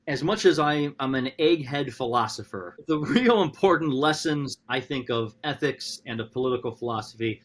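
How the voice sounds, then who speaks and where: Animated male professor thinking aloud. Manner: animated, talks through ideas with frequent restarts; acts out quotes with sudden high-pitched voices. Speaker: philosophy professor. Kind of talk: podcast conversation.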